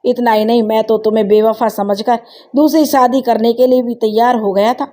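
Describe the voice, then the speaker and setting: A woman's voice: a little high, steady tone, normal speed, dark tone, natural voice. A woman reading as a weary dying old husband. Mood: remorseful. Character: elderly dying husband, tired and remorseful.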